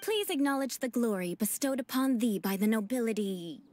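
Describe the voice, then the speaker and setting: Woman voicing a stiff formal noble girl from a fantasy game, kinda high, lively lilt, music behind. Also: moderate pace, natural voice. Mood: haughty. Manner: formal, stilted aristocratic phrasing. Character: proud stiff young noblewoman knight.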